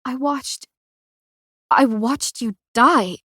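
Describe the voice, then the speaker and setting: A woman's voice: sits high, drawn-out words, fairly bright tone, breathy edge, no echo, studio quality, voice pushed up, heavily acted. A woman reading the lines of a tearful young woman fighter in a cracked, emphatic voice.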